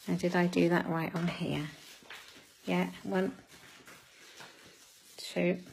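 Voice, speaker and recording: A woman's voice: on the low side, level tone, takes it slowly, vocal fry, a little mellow, a little hiss or hum, poor audio. A woman giving a live craft demonstration, chatting with viewers as she works and laughing at her own fumbles. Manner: chatty, greets viewers by name.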